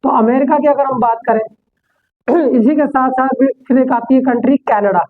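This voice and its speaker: A man's voice: very high-pitched, moderate pace. A man teaching an English class, explaining step by step and answering his own rhetorical questions. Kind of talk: classroom lecture. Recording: tinny phone-like sound.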